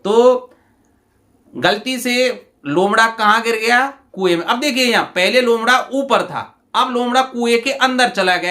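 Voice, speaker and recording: A man teaching a grammar lesson for an exam paper, explaining step by step with many rhetorical questions and reading example sentences slowly and deliberately. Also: high voice, bright, forceful tone. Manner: addresses students as "bhai". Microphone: voice-over while writing on a tablet.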